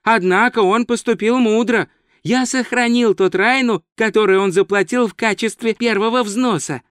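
A man's voice: sits high, moderate pace, fairly bright tone, clean tone, no echo, clean studio sound, pitched above the performer's own voice. A man voicing an eager, naive male tourist who talks in a polite, earnest, chatty way.

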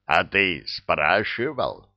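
Brief: hulking grumbling brute, low and slow, voiced by a male narrator. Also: sing-song, no echo, muffled recording, exaggerated voice. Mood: gloomy. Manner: grumbling, blunt. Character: gruff hulking male giant henchman.

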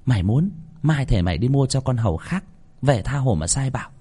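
A man's voice: mid-range voice, expressive, fairly quick, mellow, breathy edge. A man voicing a cruel, middle-aged landlord's wife who screeches and scolds her servants. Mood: scolding.

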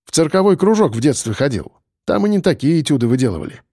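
A man reading an audiobook voices a gruff adult man who teases and bosses a boy around. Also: fairly high pitch, big pitch swings, fast talker, mellow, no echo, studio quality. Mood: dry. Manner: gruff, mocking, bossy. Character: gruff grown man, teasing and dry-humoured.

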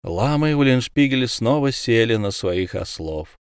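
A man narrating a storybook in an expressive reading. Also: mid-range voice, a little slow, clean tone, no room sound. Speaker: audiobook narrator. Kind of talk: scripted narration.

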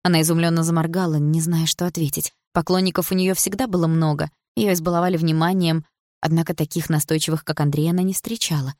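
A woman reading a story aloud as narrator in an even, measured way. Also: sits low, no echo, clean studio sound. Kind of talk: audiobook narration.

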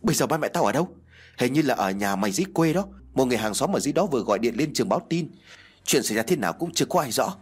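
A man voicing an anxious young male friend who talks in a hurried, urgent way. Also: medium pitch, lively intonation, husky.

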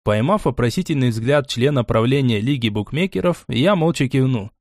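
A man narrating a fantasy audiobook in first person with an expressive, lively reading. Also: mid-range voice, moderate pace, no room sound, clean studio sound.

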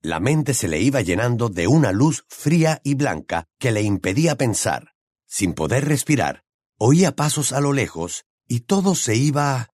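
In clean studio sound with no room echo, a male narrator performs a fantasy audiobook with drama and expression. He speaks at medium pitch and a normal speed, reading from a script.

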